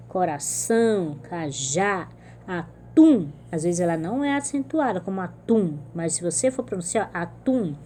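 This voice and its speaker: A woman's voice: a little high, a little mellow, a little hiss or hum. A woman teacher with a Brazilian Portuguese accent, giving a recorded remote lesson to young pupils and patiently explaining step by step. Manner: patient, explains step by step, stresses syllables in example words. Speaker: primary school teacher.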